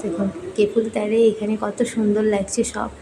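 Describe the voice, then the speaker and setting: A young woman from West Bengal narrating a cheerful, chatty family vlog for her viewers, her voice a little hoarse from swimming. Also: medium pitch, level tone, normal speed. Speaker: vlogger. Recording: noisy outdoor ambience.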